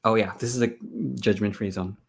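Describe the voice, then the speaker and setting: A man's voice: on the low side, steady tone, fairly quick, breathy edge. A man hosting a casual live-stream chat, teasing his co-host and reading out viewer questions. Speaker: host, photographer.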